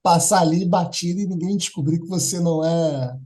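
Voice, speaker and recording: A man's voice: fairly high pitch, brisk, a little mellow. A man as a guest in a casual conversation, telling stories in an easygoing, hesitant way. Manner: easygoing, storytelling, hesitant restarts.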